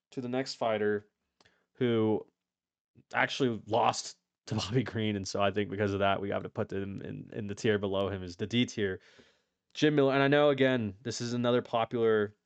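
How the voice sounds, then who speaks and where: A man's voice: on the low side, dry recording. A man giving casual, opinionated commentary on fighters, talking in a rambling way with lots of swearing and restarts. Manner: rambling, profane, frequent restarts. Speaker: YouTube MMA commentator.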